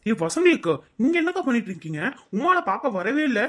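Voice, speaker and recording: A woman's voice: a little high, sing-song, brisk, a bit bright. A woman voicing a hot-tempered young neighbour in a cartoon, talking in a combative, threatening way. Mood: angry. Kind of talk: cartoon voice acting.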